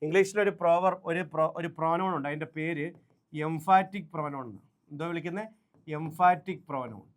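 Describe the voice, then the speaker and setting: A man teaching English grammar to exam candidates in a Malayalam online lesson, reading out word lists, asking the class quick questions and speaking English with a Malayali accent. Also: on the high side. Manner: drills words aloud in lists, asks the class quick questions.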